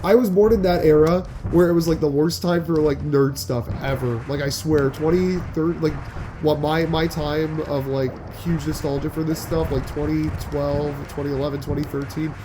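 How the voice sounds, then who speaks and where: A young adult man on a gaming channel chats his way through gameplay in a fairly high, slightly nasal voice with fairly even intonation and a moderate pace. He rambles, restarts sentences often, and leans on filler "likes," with noise in the background.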